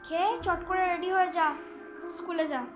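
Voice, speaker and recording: A child playing a bossy, threatening mother who nags her schoolgirl daughter, with clear music behind. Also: extremely high pitch, level tone, brisk, poor audio. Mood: scolding. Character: strict scolding mother of a schoolgirl. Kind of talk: pretend-play role-play.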